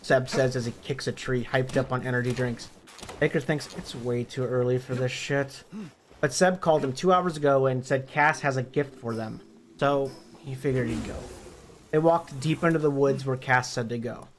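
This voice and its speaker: A hoarse man reading a story aloud in a plain, steady narrating voice. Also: medium pitch, moderate pace, a little hiss or hum. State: hoarse from illness.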